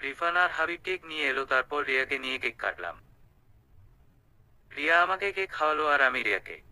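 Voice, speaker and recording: A young man tells a love story in the first person, in a casual, conversational manner. His voice is very bright and crisp, smooth, and a little higher than most men's. The sound is close and dry. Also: expressive, brisk, dry recording, rough recording.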